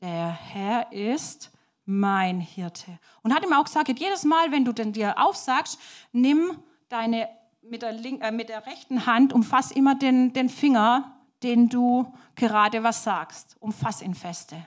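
A woman preacher telling a story to children in a lively way and asking the audience questions. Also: fairly high pitch, a little slow.

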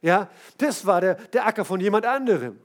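Excited preacher guy, pretty high voice, chatty, talks right to you. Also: brisk. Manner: casual, enthusiastic, addresses listeners directly. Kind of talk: sermon with lively storytelling.

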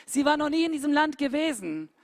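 Eine Frau hält eine emphatische Predigt und senkt dabei oft abrupt Tonhöhe und Lautstärke. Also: female voice, big pitch swings, fairly quick, dry recording, clean studio sound. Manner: emphatic, with sudden drops in pitch and volume. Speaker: preacher. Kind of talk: sermon.

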